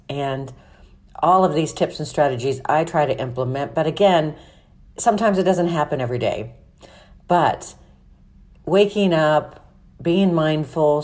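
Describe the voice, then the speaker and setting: Woman podcast host, low register, unhurried delivery, informal and instructional, for guided self-help segments. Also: darkish tone.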